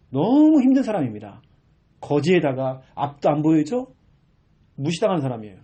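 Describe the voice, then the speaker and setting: A man in his forties preaches to a church congregation. His voice is husky and sits fairly high, and it swings widely in pitch as he acts out pleading cries. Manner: animated preaching with acted-out shouts. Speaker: pastor. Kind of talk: sermon.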